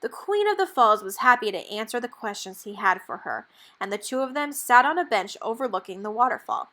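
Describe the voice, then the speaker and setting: Reading aloud from a children's picture book, this woman storyteller keeps her pace measured and her telling expressive. Her voice is fairly high.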